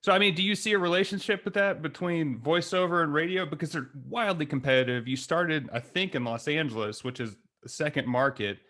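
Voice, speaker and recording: A man hosting a podcast, asking his guest friendly, measured questions. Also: fairly high pitch, sharp tone. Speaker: podcast host. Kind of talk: interview questions.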